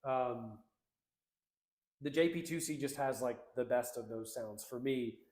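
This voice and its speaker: A man's voice: medium pitch, unhurried, a little mellow, roomy sound. A man co-hosting a casual livestream, reading out chat comments in an upbeat, slangy, rambling way.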